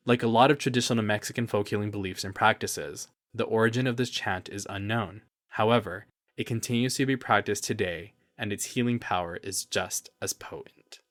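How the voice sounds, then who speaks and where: A man's voice: fairly low pitch, a little fast, fairly bright tone. A man hosting a personal podcast, speaking in an earnest, reflective, openly emotional way with loose, rambling asides. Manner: loose, rambling asides between read passages. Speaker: podcast host.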